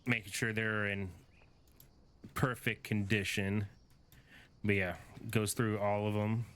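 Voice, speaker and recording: A man's voice: on the low side, little pitch movement, slow pace, a bit bright, smooth. A tired young man casually commenting on his game, thinking aloud with fillers as he goes. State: tired, yawning. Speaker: gaming streamer. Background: game music.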